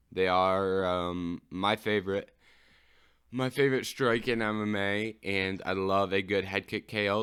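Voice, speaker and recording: Hosting his own podcast, a man recaps a fight solo, casual and unscripted like a keen fan, lingering on a knockout moment by moment. His voice sits low and is smooth, with a fairly bright tone.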